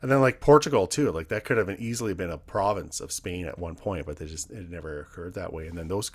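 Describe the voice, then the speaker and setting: A Canadian man in his forties hosts a podcast, leading a casual interview chat with an old friend in a rambling, hesitant manner. His voice is low-pitched and fast.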